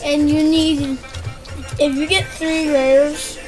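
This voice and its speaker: High-voiced teasing woman. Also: little pitch movement, slow pace, a little mellow, soft background music. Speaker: co-host. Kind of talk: casual toy unboxing chat.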